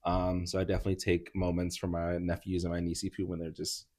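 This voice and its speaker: Low-voiced upbeat man hosting a chat. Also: monotone, fast talker, a little mellow. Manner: upbeat, laughs often, chatty with fillers. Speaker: podcast host. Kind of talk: casual conversational interview. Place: indoor healing practice room.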